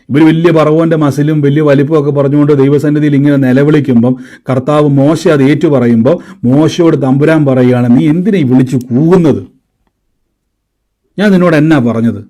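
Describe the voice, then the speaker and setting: A man's voice: a little high, dark tone. A man from preaching a sermon, asking the congregation questions and waiting for their answers.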